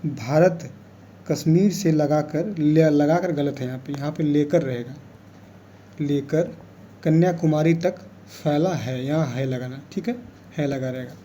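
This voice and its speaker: A man's voice: a little high, measured pace, mellow, slight background noise. A man teaching an exam revision lesson, explaining patiently and repeating key words as he goes.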